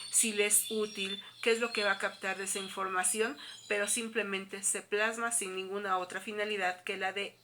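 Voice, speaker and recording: A woman's voice: mid-range voice, pushed and bright. A woman teacher with a Mexican accent, explaining a lesson to students in a recorded video, patient and full of examples. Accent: Mexican Spanish.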